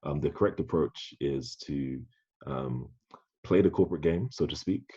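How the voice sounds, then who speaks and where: A man's voice: rumbling low, big pitch swings, moderate pace, gravelly, dark tone, slightly rough, lo-fi sound. A man hosting a podcast, talking in a thoughtful way and often restarting his sentences. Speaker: podcast host. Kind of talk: conversational podcast discussion.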